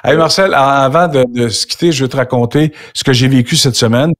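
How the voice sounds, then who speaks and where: A man's voice: medium pitch, a little fast. An older man with a Québécois accent hosting an interview, telling a personal anecdote with lots of quoted dialogue. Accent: Québécois French. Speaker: interview host. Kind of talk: casual storytelling interview.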